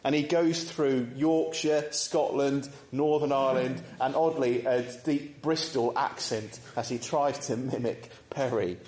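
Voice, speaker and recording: A man preaching a sermon in a church, measured and conversational, pausing to pose reflective questions to the congregation. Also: medium pitch, steady tone, darkish tone. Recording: echoey church room.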